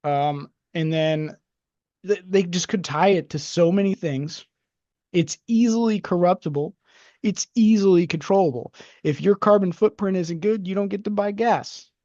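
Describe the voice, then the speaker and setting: A man's voice: sits high, moderate pace, warm tone, no echo, muffled recording. A man co-hosting a podcast, rambling and hesitant with lots of fillers as he gives his opinion. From United States. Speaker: podcast co-host. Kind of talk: casual opinionated chat.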